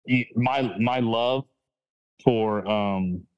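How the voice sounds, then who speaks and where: A muffled recording of a casual sports podcast features its host, a man with a child, speaking very slowly in a smooth, mid-range voice. He rambles while thinking aloud, restarting and correcting himself often.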